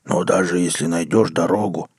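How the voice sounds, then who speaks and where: A man voicing the right head of a three-headed hell dog, grumbling in a bass voice. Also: fairly even intonation, moderate pace, vocal fry, darkish tone, slightly rough, no room sound, studio quality, full character voice.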